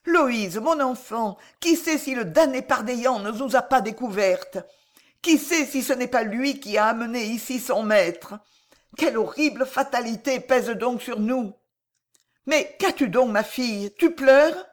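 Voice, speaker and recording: Woman reading fearful noble mother, audiobook, urgent pleading, raised pitch. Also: animated, measured pace. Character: anxious noble mother, middle-aged woman.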